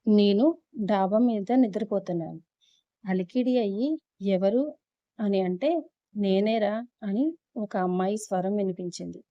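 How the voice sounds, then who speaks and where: A woman's voice: medium pitch, normal speed, dry recording. A woman telling a first-person story, speaking directly to her viewers, on a dull lo-fi recording.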